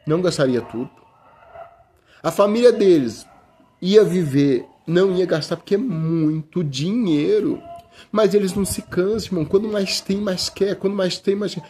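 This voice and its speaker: A man's voice: high-pitched, moderate pace, mellow, faint music behind. A middle-aged Brazilian man preaching an informal sermon in a conversational way, often calling listeners brother, with many restarts. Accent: Brazilian Portuguese.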